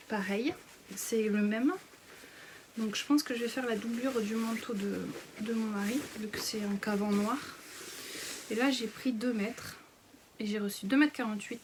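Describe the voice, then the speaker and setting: Woman, 30s, sewing vlogger; casual, filler-heavy, breathy half-whisper, voice a touch high, faint hiss behind. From France. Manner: hesitant, many fillers, frequently whispery. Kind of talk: casual fabric haul chat.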